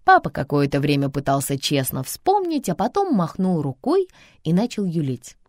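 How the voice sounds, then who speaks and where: A woman narrating a children's story audiobook in a lively, expressive way. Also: deep voice, normal speed, dry recording, clean studio sound.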